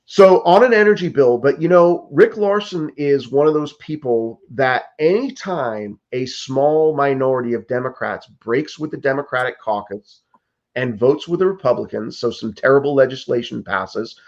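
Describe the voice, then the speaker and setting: A US man in his fifties, a political candidate, answers interview questions in an earnest, pressing way, stumbling over restarts and leaning on "like" and "you know." His middle-pitched voice is expressive and a little mellow, moving at a moderate pace. The audio is dull and muffled, as if coming through a video call.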